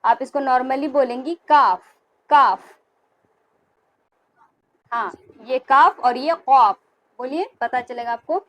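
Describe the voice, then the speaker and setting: A high-pitched woman teaches Quran reading to her students in a recorded lesson. She is patient and repetitive, checking in often and drawing out sounds slowly to demonstrate them before speeding on. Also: a bit bright, rough recording. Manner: patient, repeats and checks with "ठीक है". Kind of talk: recorded lesson on Arabic letter pronunciation.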